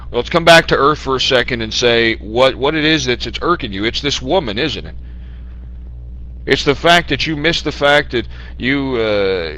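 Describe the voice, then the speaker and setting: A man's voice: mid-range voice, pushed and bright, rough recording. A man in a voice chat room asking probing questions, often stammering and repeating words. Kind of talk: casual chat.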